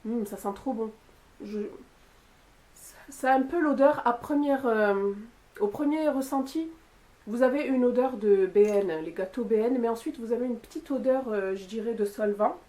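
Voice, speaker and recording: A woman talking casually into her camera at home, walking through her purchases one by one. Her voice sits a little high, and she fills her pauses with "euh" and "voilà". The sound is plain home-video audio from the camera's own mic. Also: warm tone. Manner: chatty, with frequent fillers and "voilà". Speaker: beauty youtuber. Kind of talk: casual product haul talk to camera.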